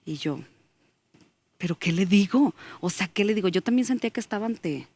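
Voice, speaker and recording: A woman's voice: medium pitch, expressive, fairly quick, a little mellow, husky. A woman, a guest giving an earnest faith testimony as she tells a story and acts out the dialogue in it.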